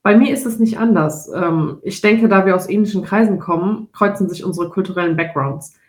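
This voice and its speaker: A woman in her twenties from Germany co-hosting a podcast, speaking in a thoughtful, measured way. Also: lowish voice. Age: 20s. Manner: thoughtful, measured, laughs easily. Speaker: podcast co-host. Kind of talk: casual podcast conversation. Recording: roomy echo.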